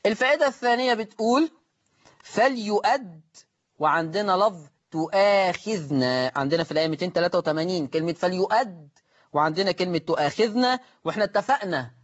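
A man with an Egyptian accent teaching Quran recitation rules, repeating words slowly and answering his own questions. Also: high voice. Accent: Egyptian Arabic. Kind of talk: live recitation lesson with callers. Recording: muffled lo-fi broadcast audio.

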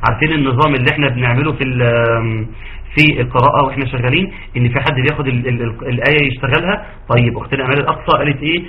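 An Egyptian man runs a quick-paced online tajweed lesson, firing questions at his students and praising their answers. His voice comes through dull, lo-fi call audio. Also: mid-range voice. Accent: Egyptian Arabic. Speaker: Quran recitation teacher.

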